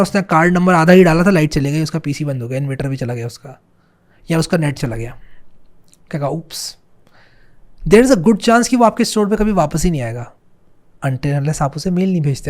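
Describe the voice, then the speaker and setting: A man hosting a casual screen-share software tutorial in a chatty way, often checking in with his viewers and slowly reading on-screen text aloud. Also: a little high. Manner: chatty, repeats "theek hai" and "bhai", reads on-screen English slowly. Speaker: coding tutorial host.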